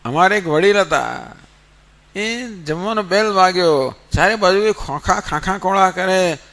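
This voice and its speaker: A man with a high voice and a fairly bright tone gives a spiritual talk on the Gita. As a spiritual teacher, he tells a story, answers his own rhetorical questions, and counts slowly.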